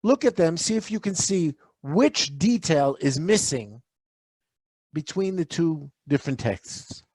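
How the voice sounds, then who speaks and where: Guy teaching torah, kinda high voice, fires off questions, reads hebrew verses, dry sound. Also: lively intonation, a little slow, a little mellow, no echo. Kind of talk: lecture on a weekly Torah portion.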